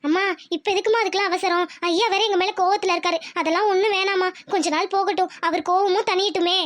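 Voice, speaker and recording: Woman doing a meek cartoon young wife, very high squeaky voice, pleading. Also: steady tone, quick pace. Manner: pleading, anxious.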